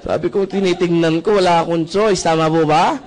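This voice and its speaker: A young man from the Philippines gives his testimony to a live audience in a voice on the high side, speaking a little fast. He is animated, acts out quotes, and keeps asking the crowd "right?"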